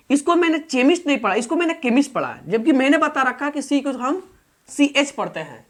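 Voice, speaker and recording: A woman teaching English pronunciation in an online video lesson. She explains patiently and repeats herself, often prompting viewers to pay attention. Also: sits high.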